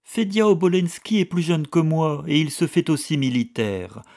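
A man voicing a timid young son who begs to become a soldier, in an audiobook reading, with halting, pleading speech. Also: fairly high pitch, very animated, darkish tone.

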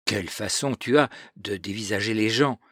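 A man reading aloud as a cocky schoolboy who brags and sneers at his younger cousin, sounding smug and superior in a storybook reading. The voice is a little husky, recorded dry and close. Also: on the low side, normal speed, fairly bright tone, dry recording. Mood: scornful. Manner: boastful, scornful laughter. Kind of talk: audiobook reading of a novel.

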